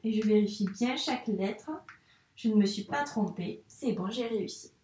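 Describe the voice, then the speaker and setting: A young woman who teaches primary school is showing small children how to handwrite, and she patiently poses questions and then answers them herself. Her voice sits in the mid range and comes at a normal speed, with a mellow quality in an echoey room.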